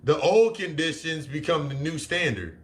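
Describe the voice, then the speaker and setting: An animated man with a little high, somewhat bright voice talks at a moderate pace. Acting as a spiritual reader and life coach, he gives a blunt, profane motivational self-help talk and hammers his points home through repetition.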